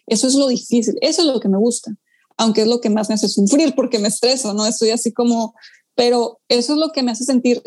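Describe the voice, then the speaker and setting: A young woman talks casually about her life as a pianist, her voice sitting a little high. She tells stories animatedly, slipping into quick impressions of what others said. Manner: animated storytelling, quick asides and acted-out quotes. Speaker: pianist guest. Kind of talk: casual conversation.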